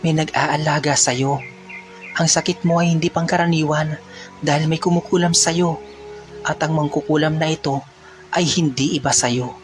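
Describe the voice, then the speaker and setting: Male narrator putting on a steady young healer woman, high and breathy, over faint music. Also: normal speed, pauses often, lightly acted. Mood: solemn.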